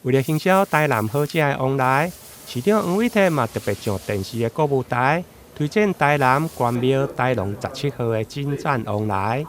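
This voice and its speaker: A man's voice: mid-range voice, animated, normal speed. A man with a Taiwanese accent reading scripted news narration as a TV reporter.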